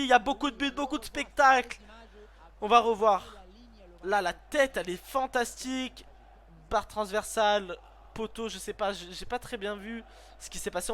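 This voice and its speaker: A man calls a football video game match play by play in a very high, bright and forceful voice. He is excitable and breaks into shouts whenever a goal goes in. He often trips over his words and corrects himself mid-sentence. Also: slight background noise. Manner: excitable, bursts into shouts at goals. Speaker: gaming YouTuber.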